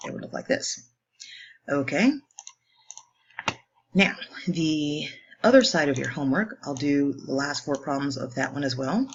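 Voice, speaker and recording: A woman math teacher working through homework problems step by step in a brisk, upbeat way, joking now and then at her own expense. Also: deep voice, slightly rough, highs cut off. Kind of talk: homework walkthrough lesson.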